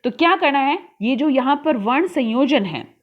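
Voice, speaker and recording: A woman teaching a slow online lesson who reads each word out and then explains it in Hindi and English, sounding out letters one at a time. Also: sits high, lively intonation, narrow, tinny audio. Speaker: Sanskrit teacher.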